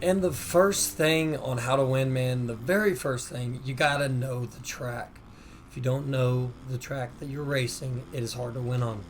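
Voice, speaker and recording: A hoarse man hosting a gaming channel, talking casually over gameplay as he explains racing tips. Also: medium pitch, normal speed, slight background noise. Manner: laid-back, peppers talk with "man". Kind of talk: casual game tutorial voice-over.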